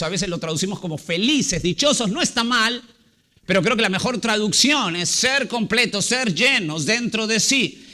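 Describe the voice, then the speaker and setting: Male pastor preaching to a congregation; higher voice with a bright edge, unhurried, repeating and stressing key words. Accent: Latin American Spanish. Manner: slows and stresses words for emphasis. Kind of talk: sermon. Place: church.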